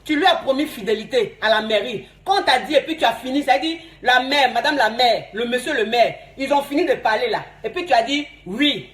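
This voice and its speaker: High-voiced woman giving marriage advice. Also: lively intonation, fairly quick, hardly any pauses, roomy sound. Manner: warm, coaxing, often laughing, repeats "ma chérie". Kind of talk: casual advice talk to women.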